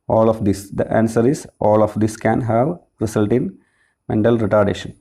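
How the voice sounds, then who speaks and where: A man's voice: mid-range voice, warm tone. A man, reading multiple-choice nursing exam questions and explaining each answer plainly. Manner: reads options in a list, then explains plainly.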